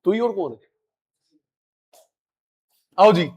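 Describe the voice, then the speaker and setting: A middle-aged man teaching a live online class, animated and coaxing, repeating key words to his students. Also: high voice, slow pace, slightly rough, dull audio.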